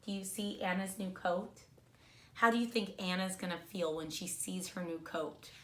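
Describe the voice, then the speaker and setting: A woman reading a storybook aloud to young children in a kindergarten teacher voice, expressively and deliberately, explaining words simply as she goes. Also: fairly low pitch, a bit bright, slight background noise.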